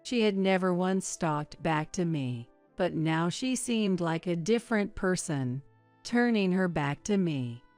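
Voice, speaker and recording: A woman narrating a story in a measured, even way. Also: lowish voice, soft background music.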